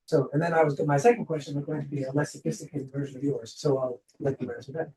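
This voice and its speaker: A man's voice: on the high side, fairly even intonation, fast talker, mellow. A man asking a long question from the audience at an academic seminar, rambling and correcting himself. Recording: roomy audio from far off the mic.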